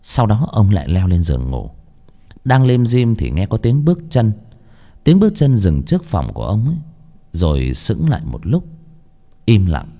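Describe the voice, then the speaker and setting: A man's voice: fairly low pitch, wildly swooping pitch, moderate pace, long pauses, dark tone. A man narrating a ghost story expressively and voicing each figure. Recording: faint background music.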